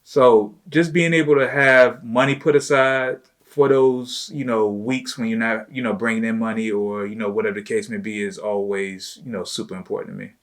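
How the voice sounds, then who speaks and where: A man's voice: lowish voice, steady tone, normal speed, hardly any pauses, a bit bright. A man hosting a casual chat with his wife, talking loosely and informally with plenty of "you know" and "like" fillers. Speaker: host, entrepreneur.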